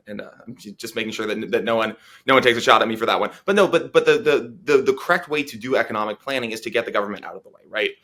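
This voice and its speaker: Man, policy analyst guest, bright tense voice, earnest, lots of um and restarts. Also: medium pitch. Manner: earnest, many fillers and restarts. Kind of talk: political interview commentary.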